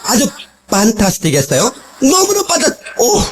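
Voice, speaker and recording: A male pastor with a very high voice speaks at a moderate pace, slight background noise behind him. His sermon, taped on an old cassette in a church sanctuary, is rich in personal testimony, told through lively stories, plenty of laughter and acted-out voices of the people involved.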